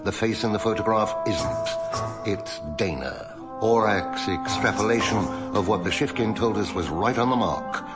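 A low-pitched man's voice from an actor as a cool, sardonic rebel tech expert in a sci-fi audio drama. He is dry, precise and commanding, with loud music behind him. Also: expressive, normal speed, lightly acted. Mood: intent, precise.

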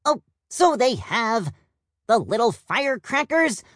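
A man's voice: extremely high pitch, sing-song, slow, a bit bright, no echo, studio quality, pitched above the performer's own voice, full character voice. A man voicing a peppy, playful purple peacock in a storybook audiobook, with chirpy, bouncy delivery. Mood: chipper. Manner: chirpy British-style slang, bouncy.

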